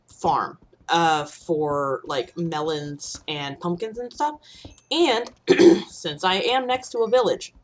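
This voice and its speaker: A woman's voice: on the low side, a bit bright. A young woman from the Midwest streaming a game, rambling and swearing freely. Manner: rambling, swears freely, sudden panicked outbursts. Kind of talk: casual gaming stream chat.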